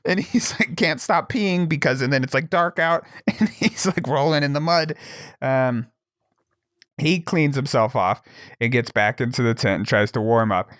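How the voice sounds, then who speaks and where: A man's voice: mid-range voice, normal speed, clean tone, no echo. Young man telling a story, dry sound. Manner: animated, laughs and swears as he tells it. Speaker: guest storyteller. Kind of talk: casual comedic storytelling.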